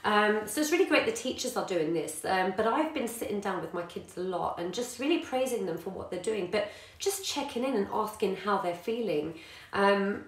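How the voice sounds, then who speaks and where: In an echoey room, a yoga teacher who is also a parent chats casually with her live viewers at a normal speed. Her voice is medium in pitch and animated; she's warm and encouraging, says "um" often, and greets viewers by name.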